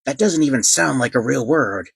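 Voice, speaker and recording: A man's voice: mid-range voice, lively intonation, normal speed, gravelly, slightly rough, no echo, clean studio sound, voice pushed up, heavily acted. A man doing a sarcastic toy horse. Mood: mocking. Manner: mocking, sarcastic tone. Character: mocking, unimpressed male toy horse. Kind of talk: audiobook character voice.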